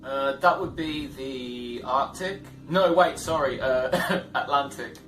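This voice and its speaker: A man's voice: mid-range voice, slow pace, a bit bright. A man playing a quiz game, commenting frankly and swearing, laughing at himself. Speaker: gamer. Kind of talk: casual let's-play commentary. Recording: roomy distant mic. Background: game music.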